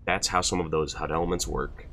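Very deep-voiced young man, rambling chat. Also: steady tone, a little fast, a bit bright. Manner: rambling, many fillers, laughs at himself. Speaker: channel host answering viewer questions. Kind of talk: casual Q&A chat.

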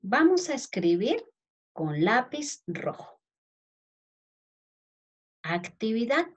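A woman's voice: medium pitch, very animated, slow pace, darkish tone, lo-fi sound. A woman teacher with a Colombian accent dictating a lesson to young children word by word, spelling out letters, and calling the pupils affectionately. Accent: Colombian Spanish. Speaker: primary school teacher.

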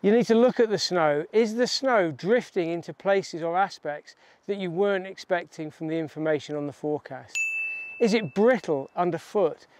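A middle-aged man, a mountain guide giving clear, upbeat instructions outdoors. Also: high voice, moderate pace, a little mellow, a little hiss or hum.

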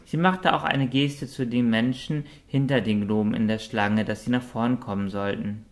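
A man's voice: medium pitch, normal speed. A man narrating a children's storybook audiobook. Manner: lively character voicing.

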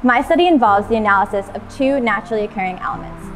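A young adult woman, a doctoral student, clearly explaining her research in an outdoor interview on a lapel mic. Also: fairly high pitch, lively intonation, fast talker, soft background music. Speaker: PhD student scientist. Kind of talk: documentary interview. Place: outdoors in a forest.

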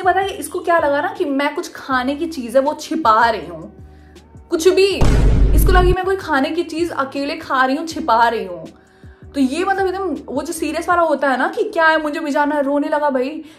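Young woman vlogger, chatty storyteller, slightly high voice. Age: young adult. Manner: chatty, animated, mixing Hindi and English. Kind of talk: casual storytime.

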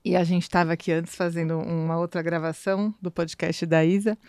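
A woman's voice: brisk, smooth, dry recording, clean studio sound. A woman, a podcast host telling a story with animation and acting out the voices she quotes. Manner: animated storyteller, acts out quotes with big pitch jumps. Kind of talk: storytelling in conversation. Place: podcast studio.

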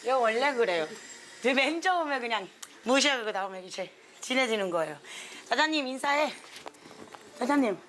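A woman's voice: a little high, lively intonation, normal speed, pauses often, fairly bright tone, a little hiss or hum. A woman from Colombia, a native Spanish speaker with a Colombian accent, chatting casually and expressively. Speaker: featured subject of a documentary. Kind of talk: casual chat to camera. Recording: background music under the voice.

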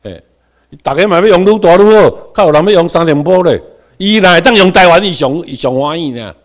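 A middle-aged Taiwanese man giving a classroom lecture, with quiet asides and sudden loud stressed words, having the class repeat terms after him. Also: high voice, expressive, a little fast.

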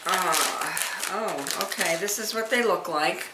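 Middle-aged woman, unhurried snack taste-test vlog, echoey room, audible background noise. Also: on the low side. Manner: chatty, slow and homey, thinking aloud. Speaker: vlogger.

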